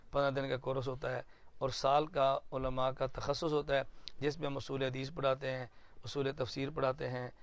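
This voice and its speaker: Gravelly-voiced cleric addressing a meeting. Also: male voice, on the high side. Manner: earnest, explanatory, uses stories and examples. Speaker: Islamic cleric addressing his supporters. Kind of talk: informal address to a planning meeting. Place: indoor meeting room.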